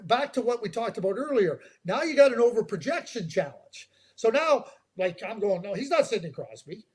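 A man with a fairly high voice talks through hockey prospects on a podcast. He is emphatic and animated, stacking repeated words as he drives his points home. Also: moderate pace. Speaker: hockey draft analyst. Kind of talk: podcast chat.

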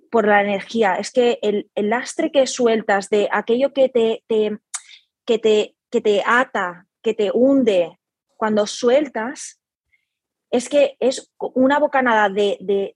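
A woman speaks in a husky, slightly high voice. She talks reflectively and hesitantly, restarting her phrases often. The recording is dry and close. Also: a little mellow, no room sound. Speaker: guest, pilates studio owner. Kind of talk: casual conversational interview.

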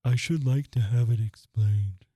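A reader voicing a sorrowful old mock turtle in a storybook reading, speaking and singing in a slow, mournful, drawn-out way. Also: mid-range voice, dark tone, dry recording, natural voice. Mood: gloomy.

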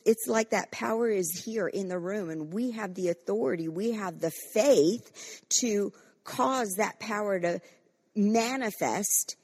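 A woman's voice: mid-range voice, vocal fry, a little mellow, husky. A woman pastor preaching a fervent sermon and leading corporate prayer, acting out quoted voices with frequent restarts.

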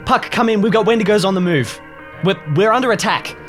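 A man's voice: on the high side, big pitch swings, a little fast, a bit bright, faint music behind. A man playing a worried team leader under monster attack in a tabletop game, insistent and urgent. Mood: alarmed. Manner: insistent, repeating calls.

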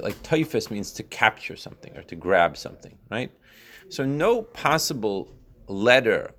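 A man's voice: mid-range voice, a bit bright. A man giving an informal religious text lesson as a teacher, reading line by line, rephrasing and often checking in with short tag questions. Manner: explanatory, repeats and rephrases, checks with frequent "right?". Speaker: Torah teacher.

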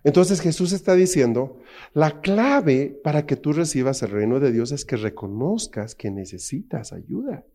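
A man's voice: mid-range voice, normal speed. A middle-aged man with a Mexican Spanish accent, preaching a sermon with jokes and rhetorical questions to the congregation. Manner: animated, jokey, acts out quotes in funny voices; asks the crowd constant rhetorical questions. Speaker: pastor.

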